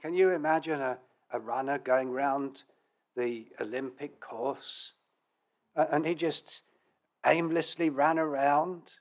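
Middle-aged pastor, slow deliberate sermon delivery, earnest, lectern mic in a church hall. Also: male voice, a little high. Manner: measured, earnest preaching with rhetorical questions. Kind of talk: expository sermon.

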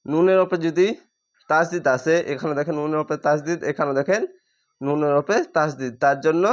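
A man teaching Quran reading, spelling each word letter by letter and then stretching out the whole word slowly. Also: fairly high pitch. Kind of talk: spelling-out recitation lesson.

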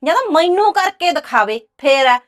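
A sharp-tongued village housewife, voiced by a woman, high-pitched. She scolds and curses freely. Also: sing-song, normal speed. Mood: scolding. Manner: scolding, cursing. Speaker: actress. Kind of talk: village drama dialogue.

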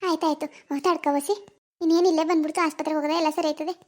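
A woman's voice: high-pitched, fairly even intonation, racing, darkish tone, lightly acted. A woman voicing an anxious village mother in a cartoon, soothing and fussing. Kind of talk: cartoon voice acting.

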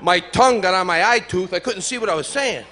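High-pitched and sharp-toned, this man speaks a little fast with lively intonation during a comedy club stand-up set. He's brash and profane and teases the audience, heard in a live recording with room noise.

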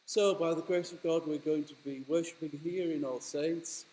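A man's voice: on the high side, steady tone, moderate pace, warm tone, a little hiss or hum, low-quality recording. A middle-aged man speaks as a kindly vicar. He addresses his congregation and those at home in an informal welcome before worship, inside a church. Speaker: parish priest welcoming online worshippers.

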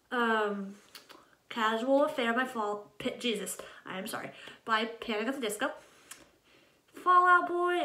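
With a slightly high, sharp-toned voice, the host of the channel, a nineteen-year-old from Ohio in the United States, introduces herself in a casual to-camera vlog. She wanders from thought to thought and interrupts herself often, and the echo of her small, untreated home room comes through.

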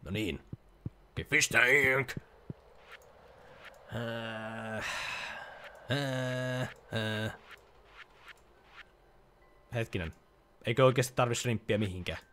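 A man's voice: mid-range voice, pauses often, bright, forceful tone, slight background noise. A young man giving casual let's-play commentary, chatty and joking as he reads game lines aloud. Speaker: gaming YouTuber.

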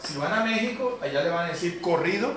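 A man's voice: high voice, lively intonation, brisk, a bit bright, slight background noise. A man teaching a beginner keyboard class, explaining patiently and checking in with the students. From Colombia. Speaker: piano instructor. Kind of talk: classroom lesson. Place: community center classroom. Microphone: far camera. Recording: roomy echo, distant mic. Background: piano keyboard playing.

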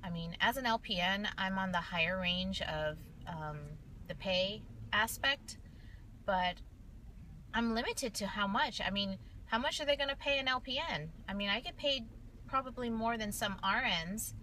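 A woman's voice: medium pitch, normal speed, sharp tone. A woman in her late thirties, a nurse, chatting and venting to viewers in a rambling, casual way from inside a car. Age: late 30s. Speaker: vlogger, nurse. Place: inside a parked car, daytime. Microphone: phone camera at arm's length. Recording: car interior with vehicle noise.

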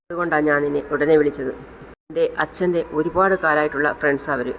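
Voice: medium pitch, steady tone, fast, fairly bright tone, a little hiss or hum, close to an everyday voice, poor audio. The narrator voicing a loyal young male friend who confides a cautious warning. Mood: confiding warning.

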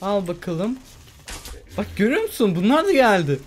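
A woman giving casual commentary while playing a survival game, excitable and talking to herself as she goes. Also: mid-range voice, moderate pace, slight background noise. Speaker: gamer. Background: faint game music.

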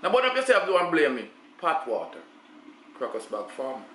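In this home cooking vlog, a middle-aged Jamaican man talks to the camera on his kitchen counter in a relaxed, chatty way, with patois asides. His fairly high voice swings hugely in pitch at a normal speed. The kitchen echoes and background noise is audible.

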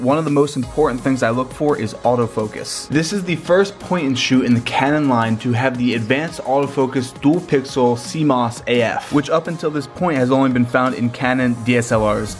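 A young man narrating his travel vlog with excited energy, partly outdoors in winter and inside a sauna. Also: medium pitch. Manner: enthusiastic, excitable, shouts and laughs in the cold. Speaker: travel vlogger. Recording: vlog with clear background music.

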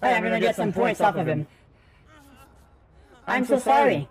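A man in his thirties streaming a game live over a headset mic, excitable and swearing as he reacts and talks to his chat. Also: sits high, moderate pace, a crowd in the background. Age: 30s. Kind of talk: gaming livestream commentary. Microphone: livestream headset mic.

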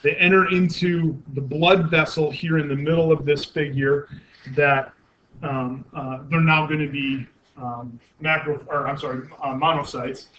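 In a muffled, lo-fi classroom recording with faint noise, a man delivers a university anatomy lecture. His voice is fairly high and a bit bright, with fairly even intonation and an unhurried pace. He explains things step by step, using many fillers and self-corrections and putting questions to the class.

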